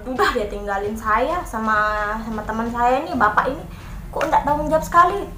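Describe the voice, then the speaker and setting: Recorded on a phone camera in a room with echo, this young woman from Lombok, Indonesia, shares a story with her vlog viewers in a casual way. She's animated, doing the voices of each person she quotes, and speaks at a normal pace with a voice on the high side.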